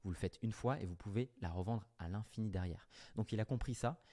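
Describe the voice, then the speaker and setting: This business coach addresses viewers on camera in a fairly low, dark-toned voice. He lays out offers briskly and directly, fixing his wording as he goes.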